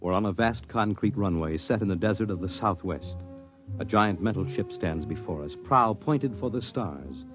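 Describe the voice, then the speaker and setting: Deep dramatic radio announcer over loud music. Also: male voice, expressive. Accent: American. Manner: dramatic, solemn, measured. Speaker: announcer and narrator. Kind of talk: 1950s radio drama announcing, scripted narration. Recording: muffled old radio broadcast with music.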